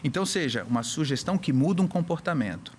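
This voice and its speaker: Animated Brazilian hypnotherapist, higher voice. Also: male voice, quick pace, a little hiss or hum. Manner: animated, acts out little scenes with voices. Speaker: hypnotherapist guest. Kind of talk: casual podcast chat, explaining.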